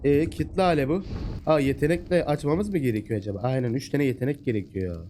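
A man giving casual, excitable let's-play commentary, chatting away and talking to the animals in the game. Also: medium pitch, quick pace, a little hiss or hum. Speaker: gameplay commentator.

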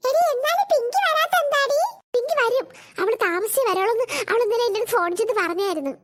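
Squeaky chattering cartoon schoolgirls. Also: background noise. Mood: worried. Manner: rapid excited chatter, squeals and giggles. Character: chattering young schoolgirls, cheeky and gossipy. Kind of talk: cartoon voice acting.

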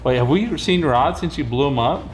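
A middle-aged American man giving casual, excitable gameplay commentary and coaching the players. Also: fairly high pitch, moderate pace, soft background music. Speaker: gaming video co-host.

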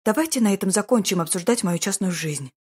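A woman voicing a flustered young noblewoman who pleads breathlessly and breaks into sharp cries, read with a slightly husky voice. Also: mid-range voice, animated, fast. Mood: restrained.

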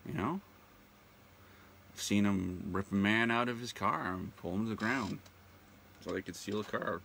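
A man's voice: lowish voice, normal speed, creaky, a bit bright, a little hiss or hum. A man hosting his own show, delivering a profane, indignant and sarcastic ranting monologue that hammers its words through repetition. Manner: repeats words heavily for emphasis. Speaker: show host.

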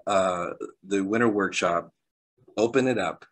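A man preaching a sermon, telling stories with bursts of excitement, laughter and quieter asides. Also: deep voice, measured pace, rough recording. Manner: animated storyteller, laughs often, jumps between loud excitement and quiet asides.

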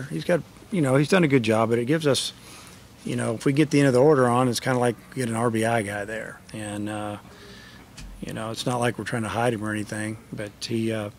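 Middle-aged coach speaking flat and plainly. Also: male voice, medium pitch, slight background noise. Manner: plain, matter-of-fact answers with many fillers. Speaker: college baseball head coach. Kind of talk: post-game press conference. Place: press conference room with a sponsor backdrop. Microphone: table microphone.

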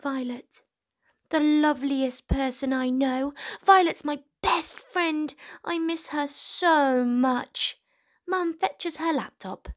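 This storytime host, a woman in her twenties, has a high-pitched voice and a slow pace. She reads to young viewers and talks to them directly, offering plenty of encouragement.

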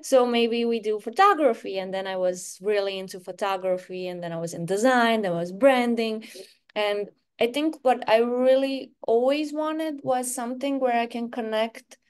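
A young woman from Croatia talks through a video call in a smooth, clear voice pitched a little high. She chats easily, filling gaps with "uh" and little laughs. English is not her first language. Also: normal speed. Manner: chatty, laughs often, many fillers and restarts. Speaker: interview guest, UX UI designer. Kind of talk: casual video-call interview. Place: bright room at home, indoors. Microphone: webcam on a video call.

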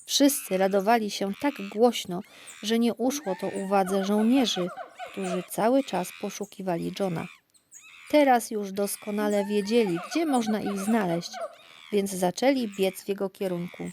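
A woman narrating a children's audiobook in a calm, clear storytelling voice. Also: mid-range voice, normal speed, crowd noise. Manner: calm, even, clear reading.

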